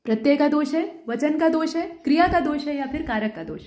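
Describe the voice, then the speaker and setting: A woman's voice: high-pitched, a little fast, darkish tone, reverberant. A woman teaching Hindi grammar for an exam, explaining step by step and asking the listener questions. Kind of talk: exam-prep lesson.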